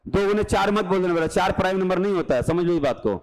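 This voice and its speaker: A man teaches math in a brisk, coaxing exam-prep lecture, often voicing his students' questions and then answering them. His voice is high with a darkish tone, and the audio is poor.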